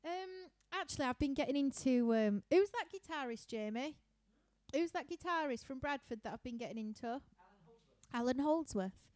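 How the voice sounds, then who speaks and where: A chatty young woman with a Yorkshire accent rambles through viewer questions from her living room, laughing often and filling pauses with lots of ums. Her voice sits on the higher side yet sounds mellow and dark. The sound is dry and close, with no room echo. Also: lively intonation. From Yorkshire, England. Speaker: musician hosting a live stream Q&A. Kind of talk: casual chat reading viewer questions.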